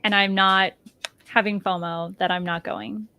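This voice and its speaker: A woman's voice: mid-range voice, steady tone, measured pace, pushed and bright. A woman co-hosting a live-streamed podcast, chatting casually and laughing easily. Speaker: podcast co-host.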